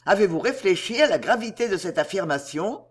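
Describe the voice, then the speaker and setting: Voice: medium pitch, sing-song, fairly quick, breathy edge. Lecteur faisant un jeune amoureux ardent, insistant. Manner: ardent, emphatic. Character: young man in love, impassioned.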